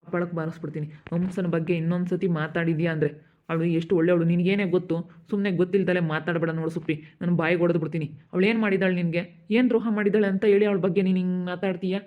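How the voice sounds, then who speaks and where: A woman's voice: on the low side, fairly even intonation, fast, natural voice. A woman playing a protective young husband who scolds and threatens his sister. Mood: angry. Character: young married man, protective and hot-tempered. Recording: tinny phone-like audio.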